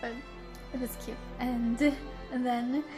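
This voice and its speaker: In a hotel room, a young travel vlogger chats casually for her vlog, her high-ish voice stuffy and nasal because allergies have her congested. She speaks slowly and flatly, yet rambles and giggles, using lots of fillers. Music plays in the background.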